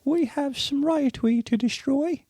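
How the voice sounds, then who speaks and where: A woman's voice: high-pitched, a little slow, mellow, dry recording. A woman playing a tabletop game, wry and bargaining in character. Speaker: player. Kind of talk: casual tabletop play.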